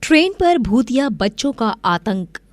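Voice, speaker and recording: A woman narrating a cartoon story in a slow, measured storybook style. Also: fairly high pitch, big pitch swings, no room sound.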